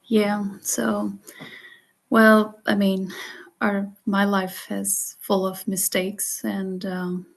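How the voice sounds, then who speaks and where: Slow, flat-voiced woman from Afghanistan. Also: mid-range voice, gravelly. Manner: slow, searching, thoughtful. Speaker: speaker. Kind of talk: online group discussion.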